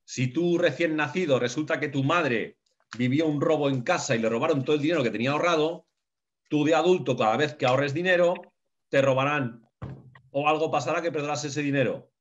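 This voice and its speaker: A man's voice: fairly high pitch, a little fast. A man giving an emphatic teaching talk to a group, repeating key phrases and often checking in with his listeners. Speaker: lecturer on the unconscious. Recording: dull lo-fi recording.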